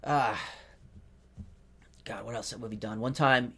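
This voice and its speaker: A man's voice: medium pitch, slow pace, a bit bright, slightly rough. A young man hosting a podcast, telling a rambling, profane story about his family in a casual monologue, full of "like" and restarts. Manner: rambling, profane, self-interrupting with lots of "like". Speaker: podcast host, rookie stand-up comedian.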